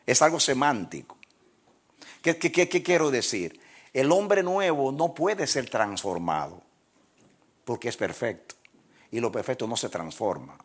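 A pastor preaching a sermon, swinging from loud, emphatic lines to hushed ones and laughing at his own jokes. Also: mid-range voice, very animated, measured pace, pauses often.

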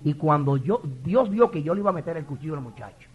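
A man's voice: a little high, animated, fast, breathy edge, lo-fi sound. A man in his forties preaching an impassioned, emotional sermon, often stumbling and repeating words as he testifies. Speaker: pastor.

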